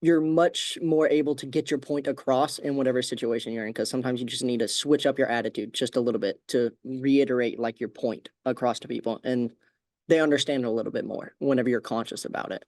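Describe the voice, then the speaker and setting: A man hosting a podcast, talking casually and relaxed with many fillers like "like". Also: mid-range voice, brisk, dry recording, clean studio sound. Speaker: podcast host. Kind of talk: casual conversation.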